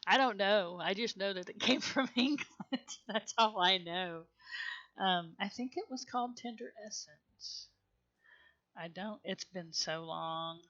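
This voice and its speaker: A woman's voice: mid-range voice, measured pace, fairly bright tone, lo-fi sound. A woman with a Southern US accent, streaming a game in casual commentary, chatty and rambling, muttering to herself and laughing often.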